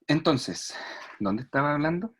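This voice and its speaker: A man's voice: fairly high pitch, animated, unhurried, husky. A man giving an online speech therapy lecture, explaining patiently, demonstrating sounds and checking "¿ya?" often. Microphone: video call.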